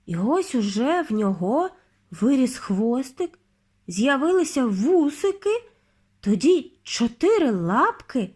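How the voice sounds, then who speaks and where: A woman's voice: high-pitched, slow pace, slightly rough. A woman narrating a children's audiobook at bedtime, reading expressively. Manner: expressive, lively storytelling. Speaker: audiobook reader.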